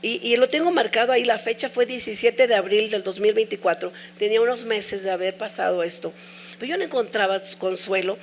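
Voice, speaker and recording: A woman's voice: medium pitch, fairly quick, slight background noise. A middle-aged woman preaching a sermon, sharing an emotional personal testimony with earnest, repeated pleas.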